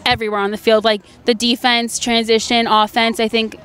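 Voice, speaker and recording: Young woman, college athlete, postgame interview, outdoor stadium, handheld mic, slightly high voice, bubbly, lots of "like". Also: level tone, a little fast, fairly bright tone, clear, resonant tone. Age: young adult. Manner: bubbly, peppers talk with "like". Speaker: college player. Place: outdoor stadium by a sports field. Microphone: handheld interview mic held in front.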